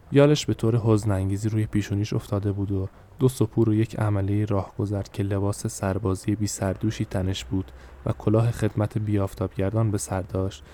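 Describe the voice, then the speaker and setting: A man narrating a short story in a measured, descriptive way. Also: on the low side, dark tone.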